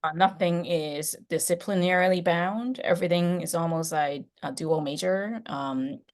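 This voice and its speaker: Middle-aged lady prof on a video call, lots of ums and restarts, lowish voice. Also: normal speed. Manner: chatty, many fillers and restarts. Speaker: professor. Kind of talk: online class introduction.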